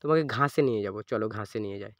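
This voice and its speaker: Fast-talking man telling a story. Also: on the low side, a bit bright, no room sound. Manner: storytelling, quoting both sides of a conversation. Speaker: fitness vlogger. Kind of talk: casual vlog narration.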